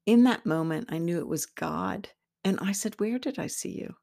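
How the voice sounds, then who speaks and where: Low gravelly woman telling a personal story. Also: warm tone. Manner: reflective, halting, with restarts. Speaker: podcast host.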